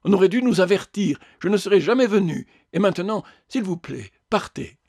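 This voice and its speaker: A tearful, ashamed woman ghost, as a male reader puts her on, her voice pushed up high and strained. She pleads and protests in an agitated way. The storybook reading is close and dry. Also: normal speed, dry recording. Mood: desperate. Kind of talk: audiobook character voice.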